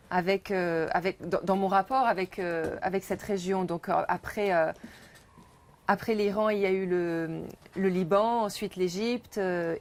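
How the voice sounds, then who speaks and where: This is a middle-aged woman from France speaking as an author at a bookshop. Her delivery is reflective and measured, with a voice of middling pitch. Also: darkish tone. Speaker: author and journalist. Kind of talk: talk about her book. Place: bookshop event.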